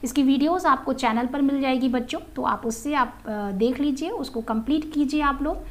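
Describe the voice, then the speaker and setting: High-voiced woman teaching a Hindi lesson. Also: normal speed. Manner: patient, repeats "ठीक है" often and addresses students as "बच्चों"; says example words aloud twice, stressing each one. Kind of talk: recorded grammar lesson for students.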